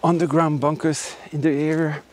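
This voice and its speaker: The host of a history exploration channel walks a forest with ruined buildings, narrating to the camera at normal speed in a voice on the high side, flat and a little mellow, over slight background noise. He's still enthusiastic and emphatic, often repeating words.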